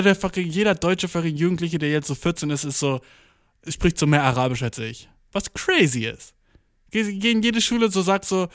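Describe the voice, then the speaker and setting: A young vlogger with a high-sitting voice talks through a casual monologue full of slang, heavy swearing, and English words mixed in. The audio is studio quality with no room sound.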